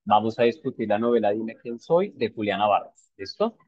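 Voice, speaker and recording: A man's voice: on the low side, lively intonation, brisk, slightly rough, no echo. Thoughtful man presenting to a book club. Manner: thoughtful, hesitant, with many fillers and tag questions. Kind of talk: informal book discussion talk. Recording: dull lo-fi sound.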